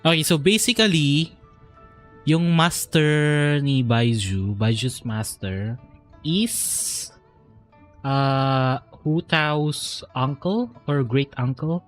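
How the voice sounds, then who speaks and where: A streamer with a Filipino accent offers casual gameplay commentary, musing aloud and code-switching between languages, with faint game music behind him. His voice is fairly high and he takes his time.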